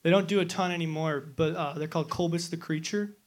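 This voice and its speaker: A man's voice: on the high side, fairly even intonation, brisk. A nineteen-year-old man in a band, answering interview questions in an easygoing, rambling way. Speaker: band member, interview guest.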